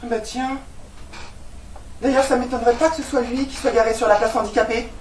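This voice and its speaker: Woman acting as an annoyed sharp-tongued young woman, sarcastic, bright high voice, roomy distant sound. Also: fairly even intonation, slight background noise, lightly acted. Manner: exasperated, quick and sarcastic. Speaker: new tenant. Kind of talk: stage comedy acting. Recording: echoey stage sound from far off.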